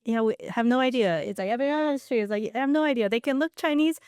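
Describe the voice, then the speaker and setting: A woman's voice: a little high, fast, a little mellow, clear, resonant tone, no echo. A woman co-hosting a casual podcast chat, musing thoughtfully and reflectively. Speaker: podcast co-host. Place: podcast studio.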